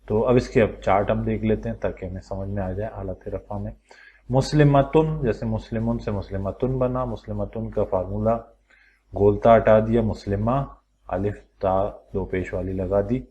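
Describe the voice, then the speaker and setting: A male teacher with a low voice leads a recorded lesson. He walks through the material step by step and asks the class questions aloud. He slows down and draws out each word form when he lists examples. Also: steady tone, mellow, lo-fi sound, slight background noise. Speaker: Quran teacher.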